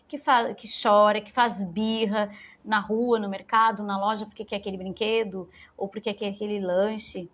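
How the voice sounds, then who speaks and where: A woman, giving an informal parenting talk to mothers and often rephrasing as she goes. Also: medium pitch. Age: 40s. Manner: warm, conversational, repeats and rephrases phrases. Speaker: educator speaking to mothers.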